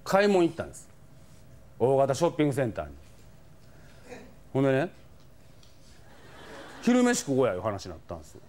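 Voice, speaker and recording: Animated Kansai comedian, very lively pitch. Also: male voice, fast talker, long pauses. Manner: animated, acts out scenes, chuckles through punchlines. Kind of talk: comic storytelling monologue.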